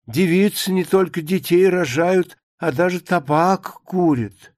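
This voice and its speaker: A man's voice: sits high, measured pace, darkish tone, dry recording, clean studio sound, voice pushed up. A man reading a play aloud, voicing a pious middle-aged housewife who complains sanctimoniously. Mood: grumbling.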